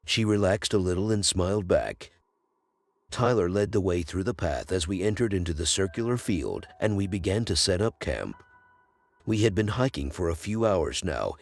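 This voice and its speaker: A man narrating a first-person horror story in scripted narration, with a measured storytelling delivery. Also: low-pitched, vocal fry. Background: faint music.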